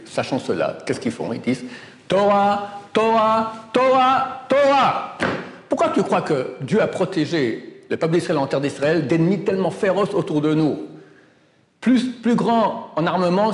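A man teaching Torah as a sermon, emphatic, with loud exclamations and hushed asides. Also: fairly high pitch, expressive, normal speed, echoey room, big-room sound.

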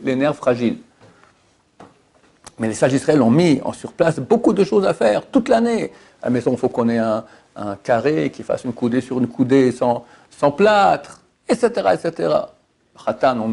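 Impassioned man preaching, gravelly voice. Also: a little mellow. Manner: impassioned, rising to high emphatic peaks; addresses listeners directly, rhetorical questions. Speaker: rabbi giving a Torah lesson. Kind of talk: sermon.

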